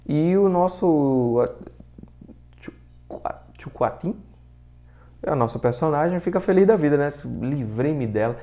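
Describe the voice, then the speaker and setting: This literature podcast host, a man with a Brazilian Portuguese accent, walks through a novel's story in relaxed, slangy speech that includes some cursing. His fairly high, mellow voice is animated yet unhurried, with frequent pauses, and the recording sounds muffled, dull and lo-fi.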